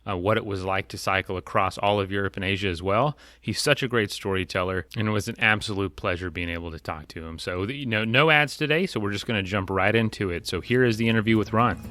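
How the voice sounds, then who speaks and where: A man's voice: fairly low pitch, fast talker, hardly any pauses, pushed and bright. A man hosting a podcast, introducing and interviewing a guest in a casual, upbeat way. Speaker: podcast host.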